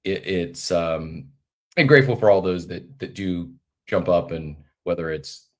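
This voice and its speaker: A man in his forties hosts a podcast while congested with a head cold, sounding nasal. His low voice is expressive and unhurried as he rambles in a friendly live audio show chat packed with fillers.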